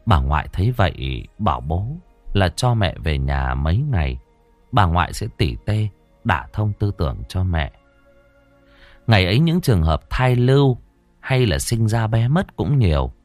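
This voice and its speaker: A man narrating an audiobook story in an expressive, dramatic manner. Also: deep voice, unhurried, faint music behind.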